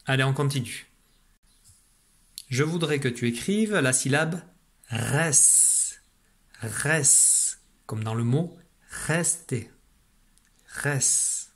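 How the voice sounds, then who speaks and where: A man teaching a remote lesson to young children, patient and slow, repeating syllables for a dictation. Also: mid-range voice, expressive. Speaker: primary school teacher.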